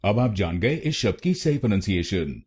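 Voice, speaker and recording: A man giving a scripted pronunciation lesson, speaking slowly and deliberately and repeating each word. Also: lowish voice, big pitch swings, a little mellow, a little hiss or hum. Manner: slow, deliberate, repeats words. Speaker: pronunciation teacher.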